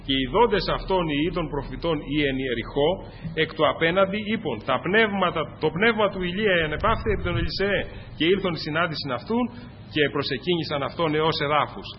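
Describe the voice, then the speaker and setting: A man with a high voice preaches a fervent sermon, rising to cries on key phrases. His voice carries a long reverb from the hall around him. The recording is dull and lo-fi, with faint noise underneath.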